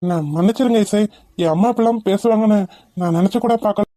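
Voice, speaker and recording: A woman's voice: mid-range voice, quick pace, dark tone, no echo, lightly acted. A woman voicing a devoted young man in love in a cartoon, speaking in an earnest, pleading way. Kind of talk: cartoon voice acting.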